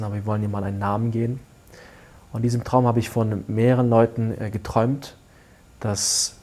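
A man tells a personal story in an earnest, unhurried way, often trailing off into hushed asides and restarting his sentences. His voice is mellow and somewhat husky, with a soft, slightly breathy edge. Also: lowish voice. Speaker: guest telling a personal story. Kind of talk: casual spoken storytelling.

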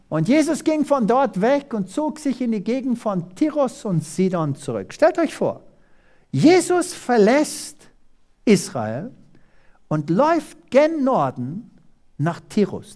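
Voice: very animated, slow, darkish tone. A preacher from South Africa giving a dramatic sermon, reading scripture aloud and firing rhetorical questions at the congregation. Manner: dramatic, rhetorical questions, sweeping pitch swings. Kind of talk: animated sermon with Bible reading.

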